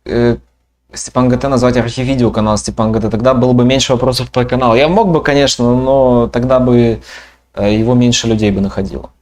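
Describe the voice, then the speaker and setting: A man's voice: mid-range voice, steady tone, quick pace, a little mellow. Casual male game streamer. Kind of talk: casual commentary over gameplay.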